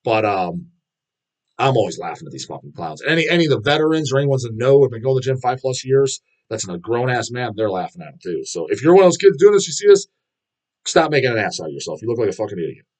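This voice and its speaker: A man's voice: mid-range voice, sing-song, fast, a little mellow. A man talking loosely to his chat in an ordinary mid-range voice. He rambles, trips over restarts and fillers, and curses freely as he mocks what he sees at the gym. The tone is blunt and unpolished, like off-the-cuff live-stream talk. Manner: rambling and heavily profane, many restarts and fillers. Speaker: streamer answering viewer questions.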